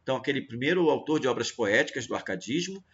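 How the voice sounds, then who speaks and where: A man teaching a literature review lesson, talking straight to his students and slowly counting out syllables aloud. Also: mid-range voice, expressive, a bit bright, breathy edge. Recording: dull lo-fi audio.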